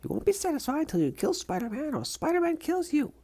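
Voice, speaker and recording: Woman playing a wildly animated young superhero girl. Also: high voice, fast talker. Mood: earnest, persuasive. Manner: bubbly, sassy, excitable. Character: young female squirrel-powered superhero, brash, chirpy and earnest. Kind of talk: animated comic dub.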